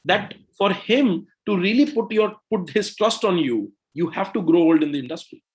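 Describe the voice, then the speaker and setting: Animated man telling business stories. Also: high voice. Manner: animated, fast bursts, frequent "right?" and "you know". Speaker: co-founder and CEO, podcast guest. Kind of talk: conversational interview storytelling.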